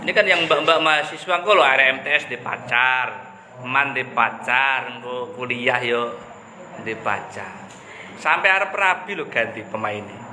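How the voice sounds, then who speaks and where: A man's voice: mid-range voice, normal speed, crowd noise. A man giving a casual religious talk, chatty and joking, mixing in local slang. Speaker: preacher. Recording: echoey room with background noise.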